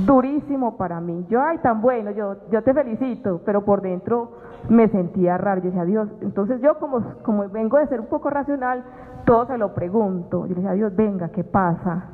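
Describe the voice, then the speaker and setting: A woman shares a personal faith testimony in an earnest, reflective way, often stopping to restart her sentences. Her voice sits at a middling pitch and comes through a narrow, phone-like radio signal. A long reverb trails behind her words. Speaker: guest sharing a faith testimony.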